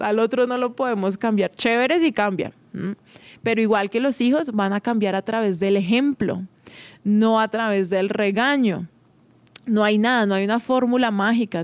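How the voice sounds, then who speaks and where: A woman's voice: on the high side, darkish tone, dry recording. A woman hosting an advice podcast, talking conversationally and directly to the listener with frequent tag questions. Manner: encouraging, addresses listener directly. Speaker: podcast host.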